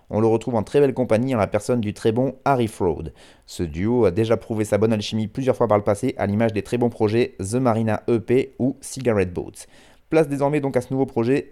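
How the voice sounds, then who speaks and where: A man hosting a rap radio show, introducing a track and reading a review aloud in a relaxed, self-deprecating way with frequent hesitations. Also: medium pitch. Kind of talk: casual spoken presentation, reading a review aloud.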